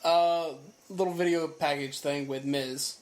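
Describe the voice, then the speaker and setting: Podcast co-host, male, high-pitched voice, animated mock-outraged ranter. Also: unhurried. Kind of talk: casual chat.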